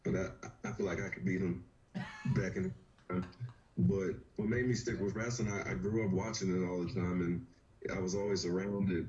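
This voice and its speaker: A man in his thirties from rural Virginia talks in a low, deep voice, easygoing and unhurried as he tells his story. He comes through a video call with dull, lo-fi sound. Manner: laid-back, relaxed storytelling with "you know". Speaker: fighter, podcast guest. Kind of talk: casual interview. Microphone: webcam or laptop on a video call.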